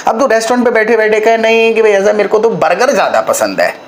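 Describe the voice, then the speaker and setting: A man's voice: sits high, animated, fast talker, a little hiss or hum. A man teaching a spoken-English lesson, patiently explaining and checking in with his learner.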